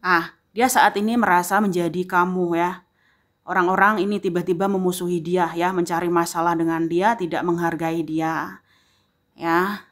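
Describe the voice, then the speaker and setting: A woman with a somewhat low voice gives a tarot reading, speaking directly to the listener. She moves at an unhurried pace and leans on repetition, returning to the same phrases for emphasis. Nearly every phrase ends with a gentle "ya". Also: steady tone. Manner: addresses the viewer directly, filling pauses with a frequent "ya". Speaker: tarot reader.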